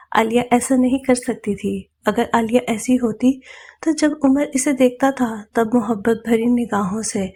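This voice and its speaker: A woman narrating a romantic novel as a steady, scripted audio reading. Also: a little high.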